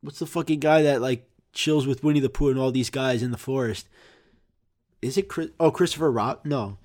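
A man's voice: medium pitch, normal speed, darkish tone. Rambling, profane male podcaster. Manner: rambling, profane, self-interrupting. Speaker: podcast host. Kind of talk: casual comedic monologue.

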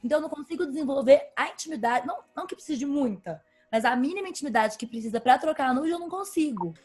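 A woman's voice: high-pitched, lively intonation, fast talker, darkish tone. A woman talking frankly and emphatically in a casual group chat.

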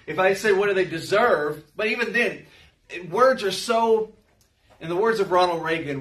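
A man with a notably high voice teaches a Bible study, pressing his points and firing questions at the room. He is recorded from a distance, his words ringing around a roomy church hall. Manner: emphatic, questions the listeners directly. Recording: roomy hall, mic set far off.

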